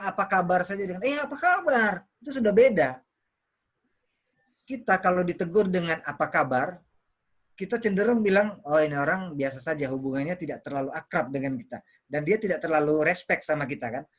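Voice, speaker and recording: A man's voice: fairly high pitch, a little fast. A man teaching public speaking on a video call, explaining with everyday examples and repeating words to show intonation. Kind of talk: online workshop teaching.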